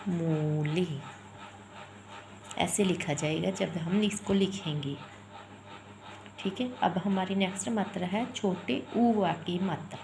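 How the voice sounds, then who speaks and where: A woman's voice: medium pitch, creaky, noisy background. A woman teaching Hindi vowel signs, spelling words out sound by sound and repeating them patiently. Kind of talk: explaining letters and vowel signs.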